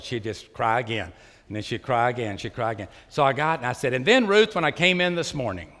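A man preaching, telling a lively story and acting out the people he quotes. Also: on the low side. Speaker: pastor. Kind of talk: sermon storytelling. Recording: live sermon in a large echoing hall.

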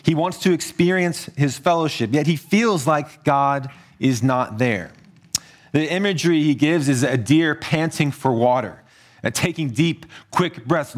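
Man, pastor, sermon, earnest, hushed to emphatic, mid-pitched voice.

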